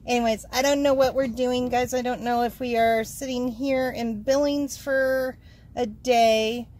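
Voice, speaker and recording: Chatty high-voiced woman vlogging. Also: steady tone, unhurried, darkish tone. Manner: chatty, coos at the dog. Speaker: vlog host. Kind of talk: casual travel vlog chat. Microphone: handheld phone camera. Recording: noisy phone recording.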